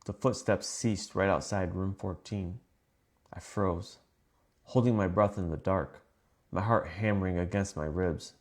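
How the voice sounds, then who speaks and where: A man reading scripted first-person horror stories in a calm, measured way. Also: low voice. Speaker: narrator.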